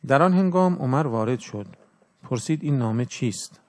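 A man preaching a religious sermon in an earnest, instructive way, with his loudness swinging up and down. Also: medium pitch, animated.

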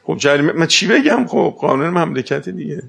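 Male speaker, gravelly voice, conversational lecture full of rhetorical questions and stories. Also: fairly high pitch. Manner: rhetorical questions and lively anecdotes. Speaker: speaker giving a talk.

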